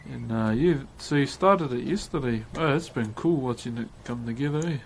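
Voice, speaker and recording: Speaking at a moderate pace with a medium-pitched voice, a broad-accented New Zealander hosts a livestream and chats with viewers while carving. His manner is laid-back and matey, and the recording has clearly noisy ambience.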